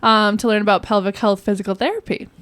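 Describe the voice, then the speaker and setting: A woman co-hosting a podcast, telling stories in a giggly, animated way. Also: medium pitch, quick pace. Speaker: podcast co-host. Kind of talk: casual chat.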